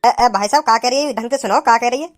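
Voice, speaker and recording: A pushy young boyfriend, voiced by a woman in a comedy cartoon, with a high voice and a quick, rustic delivery. Music plays behind him. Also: lightly acted. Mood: insistent. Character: young man defending his lisping girlfriend. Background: background music.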